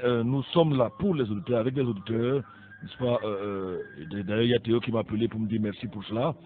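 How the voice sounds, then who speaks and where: Pastor man hosting radio, rambly, mid voice, thin phone-like audio. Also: medium pitch. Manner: repeats phone numbers, warm, rambling asides. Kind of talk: radio show chat, greeting listeners. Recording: tinny lo-fi radio broadcast.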